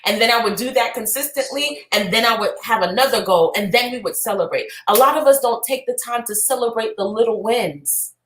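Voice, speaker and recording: A woman podcast co-host and business coach giving an energetic, preachy motivational talk that bursts into shouts and cheers. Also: on the high side, a little fast, few pauses, echoey room, poor audio.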